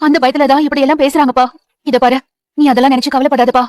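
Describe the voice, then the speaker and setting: A woman's voice: high voice, flat delivery, rapid-fire, a little mellow, no echo, lightly acted. An actress playing a loving mother who reassures and encourages her grown son in a TV serial. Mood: tender. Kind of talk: TV serial acting.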